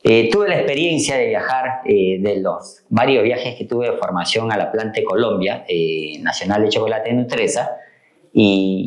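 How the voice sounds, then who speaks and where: A man's voice: fairly low pitch, roomy sound. A man, a guest on a casual podcast, telling stories from his work and acting out the voices of people in them. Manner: storytelling, acts out quoted dialogue. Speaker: guest, continuous improvement engineer.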